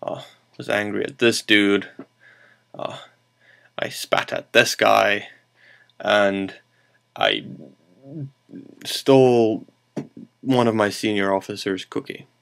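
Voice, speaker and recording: A man's voice: fairly low pitch, animated, slow pace, creaky, pauses often, fairly bright tone, smooth, exaggerated voice. A man voicing a French emperor making a rambling confession to a priest, in his own plain voice with no accent. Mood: confessing.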